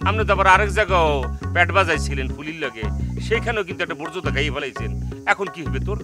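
A man's voice: a little high, animated, rapid-fire, loud music behind the voice, lightly acted. An actor playing a quarrelsome, taunting village young man in a comedy TV drama.

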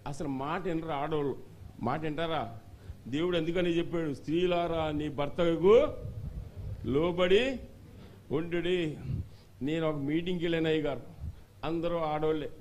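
A man with a high yet mellow voice delivers an animated church sermon. He keeps quizzing the congregation and pressing them to answer out loud. At the big moments he bursts into shouts. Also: moderate pace, long pauses, a little hiss or hum. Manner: animated call-and-response, questioning the congregation; shouts at climaxes. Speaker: bishop preaching.

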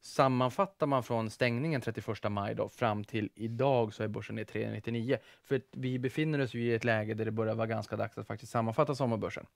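A man's voice: on the low side, steady tone, vocal fry, few pauses, no echo. A Swedish man co-hosting a stock market show in casual studio chat, joking and often repeating words as he starts a sentence. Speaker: co-host of an investing show.

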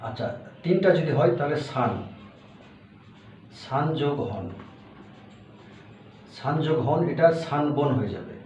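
A man's voice: a little high, animated, a little slow, long pauses, a little mellow. A man teaching a language lesson, patiently repeating each word and explaining step by step. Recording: roomy, distant, dull lo-fi audio with faint hiss.

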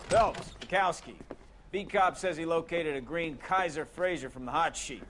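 A middle-aged American police captain in a 1940s crime game. The voice is forceful and fairly high, brisk and used to command. There is slight noise behind it. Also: male voice. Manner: brisk, authoritative. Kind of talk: period crime game acting.

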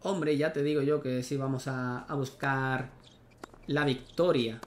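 This gaming streamer talks through a tennis video game in a relaxed way, musing aloud and swearing at missed shots. He's a young man with a medium-pitched, fairly even voice and a measured pace, and a faint hiss or hum is audible.

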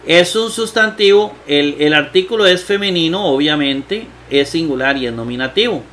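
A man teaches at an unhurried pace, in a slightly high and bright voice. He poses rhetorical questions and answers them himself, with frequent hesitant fillers. Faint noise hums behind him. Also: animated. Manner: thinks aloud with many fillers and rhetorical questions. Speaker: Bible exegesis teacher. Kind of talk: slow explanatory lecture on Greek grammar.

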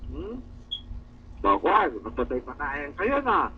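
Here a man from the Philippines taunts coworkers with mocking banter, his fairly high voice swooping wildly as he takes his time. He keeps growling "arr" in mockery and laughs often. Recorded indoors, the audio is distant, dull and lo-fi, with slight background noise.

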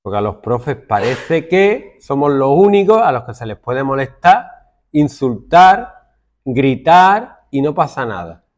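A Spanish secondary school teacher lectures his class in a lively way, acting out his students' complaints in mocking voices. He speaks with a Spanish accent at a measured pace and a medium pitch.

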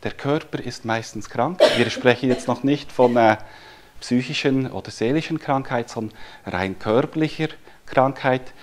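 A man's voice: medium pitch, normal speed, background noise. A man from Switzerland, giving a live spiritual talk on healing to an audience in a room. He speaks reflectively and asks many rhetorical questions. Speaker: spiritual healer giving a lecture.

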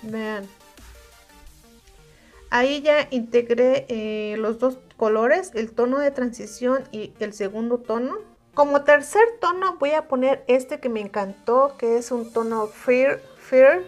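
A woman with a Mexican Spanish accent giving a calm, step-by-step makeup tutorial as she reviews an eyeshadow palette. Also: fairly high pitch, takes it slowly, faint music behind.

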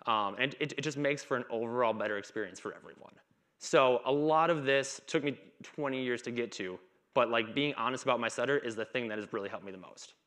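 Brisk and a little bright, a mid-range male voice gives a casual, chatty conference talk from a dark stage in a hall. The speaker, in his thirties, often stutters, repeats words and hits blocks.

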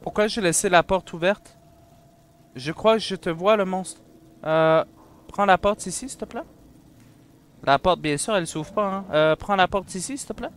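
A young man with a Quebec French accent, giving excitable commentary while playing a horror game and bantering with the monster. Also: high-pitched, moderate pace, long pauses, smooth. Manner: excitable, shouts and jokes at the monster. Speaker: let's play gamer.

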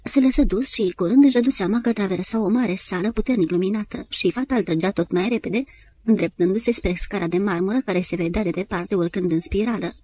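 Dark-toned woman reading a story. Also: mid-range voice. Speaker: audiobook narrator. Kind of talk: scripted literary narration.

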